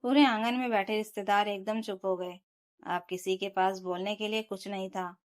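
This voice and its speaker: A woman telling a scripted first-person family story with steady, emotional, dramatic delivery. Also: medium pitch, moderate pace.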